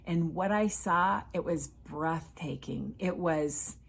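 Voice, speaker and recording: A woman author sharing an earnest Sunday reflection on faith, speaking in a measured way with thoughtful pauses. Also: deep voice, creaky, husky.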